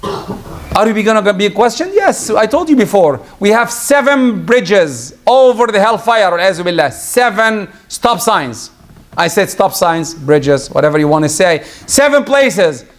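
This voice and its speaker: High-voiced and lively, a preacher with Arabic as his first language delivers a Friday sermon. He switches into rapid recitation and prayers in Arabic along the way.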